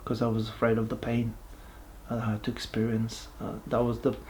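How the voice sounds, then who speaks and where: A man, giving a halting, reflective personal testimony with many pauses and restarts. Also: medium pitch, monotone, darkish tone, slight background noise. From Bulgaria. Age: 40s. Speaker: person sharing his life story.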